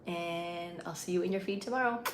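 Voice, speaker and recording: A woman's voice: on the low side, moderate pace, slight background noise. Casual Puerto Rican woman livestreamer. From Puerto Rico. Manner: informal, slangy, playful. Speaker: livestream host. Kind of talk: casual live-stream chat answering viewer comments.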